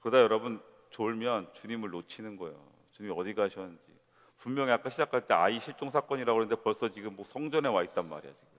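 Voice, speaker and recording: Guy pastor preaching to young adults, chatty and lively, lots of questions to the room, big church hall echo. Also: lowish voice, quick pace. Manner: lively, conversational preaching with rhetorical questions and acted quotes. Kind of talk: sermon to a young adult congregation. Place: church sanctuary. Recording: long church hall reverb.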